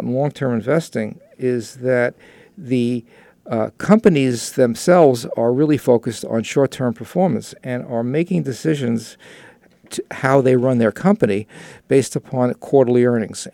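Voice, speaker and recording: Creaky-voiced man with halting delivery. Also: mid-range voice, warm tone, no room sound. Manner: halting, with many fillers and restarts. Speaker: co-host of a personal finance show. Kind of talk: conversational discussion of news articles.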